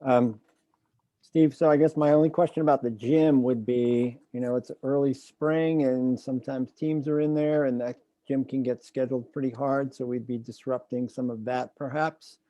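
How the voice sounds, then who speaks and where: A man speaking as a board member in a public meeting, raising questions in a deliberate, tentative way. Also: mid-range voice, steady tone, mellow, no room sound, dull audio.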